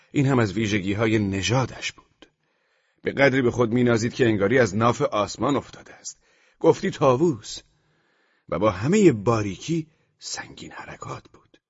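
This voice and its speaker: A man narrating a literary novel as an audiobook, in a measured storytelling manner. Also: mid-range voice, husky, no echo, highs cut off. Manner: measured storytelling, with the dialogue lines acted out loudly.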